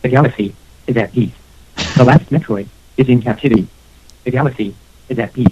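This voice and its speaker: A man's voice: mid-range voice, fairly quick, darkish tone, lo-fi sound, natural voice. A man voicing a solemn male video game announcer who intones each line, in a prank call comedy bit.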